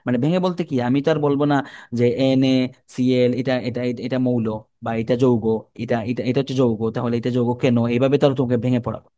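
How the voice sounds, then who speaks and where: Speaking fast in a warm, mid-range voice with fairly even intonation, this young Bangladeshi Bengali-accented man runs a casual chemistry lesson, and the recording has no echo. He keeps repeating terms, talks colloquially, and poses questions to the students only to answer them on his own.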